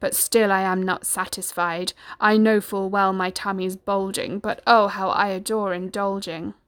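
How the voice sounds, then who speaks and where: A woman's voice: medium pitch, flat delivery, measured pace, fairly bright tone, lightly acted. A woman voicing a greedy, boastful male wolf in a storybook verse tale, drawing out menacing lines. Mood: greedy gloating. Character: greedy, blustering big bad male wolf.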